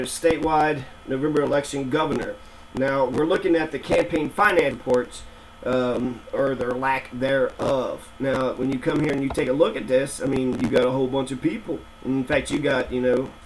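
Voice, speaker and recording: A man giving a casual screen-recorded walkthrough, thinking aloud in a loose, profane way, on a fuzzy distorted recording. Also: medium pitch. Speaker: screencast presenter. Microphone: computer screen-recorder mic. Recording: distorted mic with faint fan hum.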